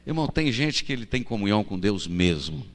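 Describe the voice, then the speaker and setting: A deep-voiced, middle-aged pastor preaches a sermon in church, shifting from quiet storytelling to loud, repeated proclamations. His pitch swings widely and his pace is fairly quick, with church hall reverb in the recording.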